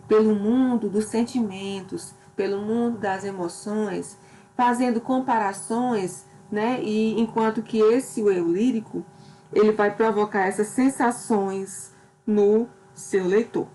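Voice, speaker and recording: A woman's voice: mid-range voice, takes it slowly, warm tone, a little hiss or hum, rough recording. A woman teacher giving a literature lesson, explaining step by step and often checking in with her students.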